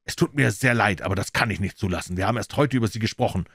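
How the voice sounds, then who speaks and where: A sly older butler speaks in a low, monotone voice with false, level politeness, as a man puts him on. The sound is dry and close, with no room around it. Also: very fast, breathy edge, no echo. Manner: monotone, apologetic, then harsh.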